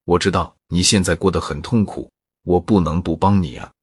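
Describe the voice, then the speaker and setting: A man's voice: sits low, moderate pace, husky, no echo, studio quality. A man telling a story and voicing a giant, grateful talking snake in his own plain voice. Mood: earnest. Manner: plain storyteller's voice with little change.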